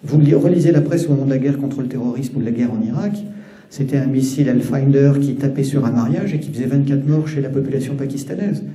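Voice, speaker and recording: A man's voice: medium pitch, fast, dark tone. Man from Brittany, hesitant analyst. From Brittany, France. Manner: hesitant, with restarts and fillers, insistent. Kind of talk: interview answer. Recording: roomy echoey clip.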